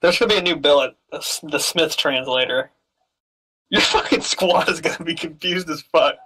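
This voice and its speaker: A man's voice: fairly high pitch, moderate pace, sharp tone, husky, rough recording. A man teasing his squadmates and laughing through casual voice chat while gaming.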